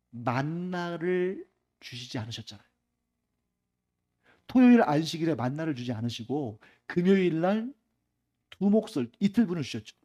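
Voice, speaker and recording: A man preaching a Sunday afternoon sermon in a church. His voice is mellow and warm, sitting slightly high for a man, and he keeps it conversational, often asking the congregation questions and then answering them himself. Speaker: pastor. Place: church sanctuary.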